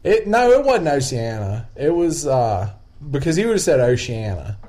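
A man's voice: mid-range voice, big pitch swings, normal speed, dark tone, a little hiss or hum. A man who works in local TV news, chatting casually with friends, rambling and swearing as he tells stories. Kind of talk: casual chat.

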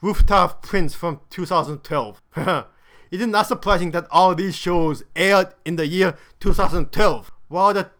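Sarcastic high-voiced man reviewing dramas. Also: unhurried, a bit bright. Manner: dry, sarcastic humor. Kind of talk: scripted review commentary.

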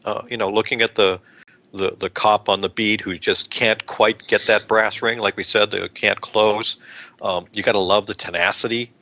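A man with a bright, lowish voice talks through a show discussion in a loose, rambling way. He restarts his sentences and laughs easily. The sound is close and dry, with no room around it. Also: fairly even intonation, normal speed, no echo. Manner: rambling, many restarts and fillers; laughs often. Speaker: podcast co-host. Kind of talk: casual chat.

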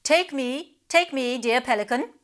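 A woman's voice: high voice, unhurried, voice pushed up. Woman playing a wise old crab. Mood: concerned. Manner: courteous, anxious. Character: old wise male crab, courteous and worried.

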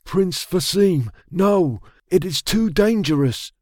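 A dutiful, nervous soldier, voiced by a male narrator, pitched well above the narrator's own voice and deferential to his princes. The sound is dry and close-miked. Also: animated, moderate pace, a little mellow, no echo. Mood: urging.

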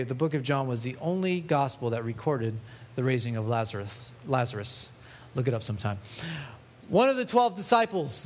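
A man preaching in a high, bright-toned voice. He speaks with emphatic, animated energy as he reads scripture aloud. His delivery builds in intensity through the sermon.

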